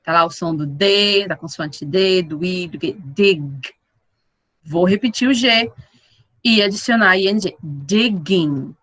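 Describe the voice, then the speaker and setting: A woman teaching an English class online, with slow explanations, repeated model words and frequent checks with her students. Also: medium pitch, a bit bright, dry recording, rough recording. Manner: checks in with the class often with tag questions.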